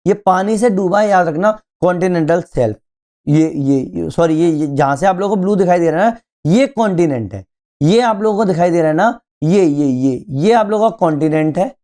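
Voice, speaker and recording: A male teacher giving an exam-prep geography lecture, explaining slowly, repeating key terms and often checking that students follow. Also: high-pitched, mellow. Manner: keeps asking students if they follow.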